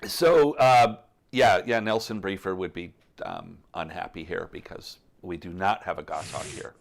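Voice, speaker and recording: A middle-aged man with a fairly low voice co-hosts a casual live stream about birds. He explains in a relaxed, rambling way, often restarting his sentences. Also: measured pace, gravelly. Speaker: co-host answering bird questions.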